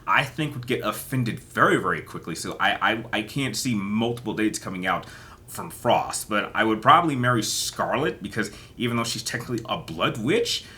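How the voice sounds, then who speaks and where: Bright-voiced man rambling through kiss-marry-kill picks. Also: lowish voice, lively intonation, normal speed. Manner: rambling, hesitant, often repeating words. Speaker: host. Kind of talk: casual solo chat, playing kiss-marry-kill with fictional characters.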